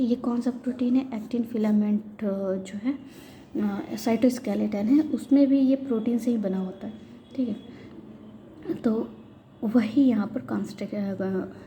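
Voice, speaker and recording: A woman teaching biology, explaining step by step in a patient lecture style with frequent pauses. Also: mid-range voice, warm tone. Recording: faint background noise.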